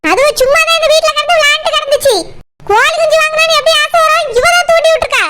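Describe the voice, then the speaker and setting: A woman's voice: very high-pitched, loud music behind the voice. A woman voicing a furious village mother in a cartoon, scolding and accusing in a Kanyakumari Tamil accent. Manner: scolding, accusing, rapid-fire. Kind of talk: cartoon voice acting. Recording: loud background hiss.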